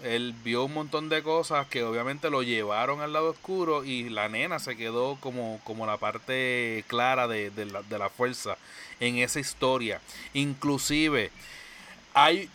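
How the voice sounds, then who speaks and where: A man's voice: mid-range voice, sharp tone, slight background noise. A man in casual chat, eagerly explaining things at length.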